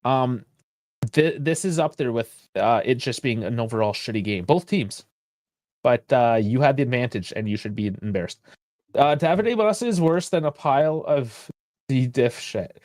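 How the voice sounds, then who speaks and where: Co-host: mid-pitched man, blunt and profane, dry close sound. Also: lively intonation, normal speed, a little mellow, no echo. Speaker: podcast co-host. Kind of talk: casual sports chat.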